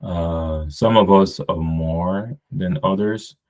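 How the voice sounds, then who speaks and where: Very deep voice, guy from cameroon chatting on a podcast, lots of um and you know. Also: slow, a little mellow. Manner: rambling, many fillers and restarts. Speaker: podcast guest. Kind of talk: casual conversation.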